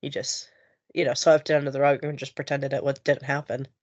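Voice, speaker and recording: A woman's voice: very deep voice, level tone, fairly quick, a little mellow, muffled recording. A woman from the United States speaking openly and chattily in a group discussion, laughing easily. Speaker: discussion panelist.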